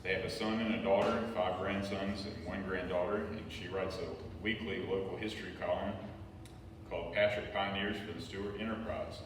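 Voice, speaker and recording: Low-voiced man introducing, very echoey hall. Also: little pitch movement, normal speed. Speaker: host introducing a speaker. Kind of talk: formal spoken introduction. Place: large echoey room at a lecture series. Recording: very echoey hall, distant mic, clear noise.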